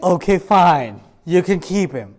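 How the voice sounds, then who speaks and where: A man voicing a harsh king who goes soft and coos over a baby in a children's story. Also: high-pitched, animated, takes it slowly, noisy background. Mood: doting. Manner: doting, cooing.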